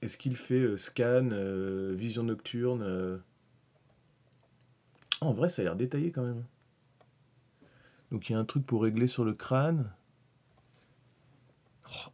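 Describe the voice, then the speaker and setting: A man's voice: fairly low pitch, mellow. A man chatting casually through a live stream about hobby miniatures, thinking aloud, rambling, with many fillers and restarts. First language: French.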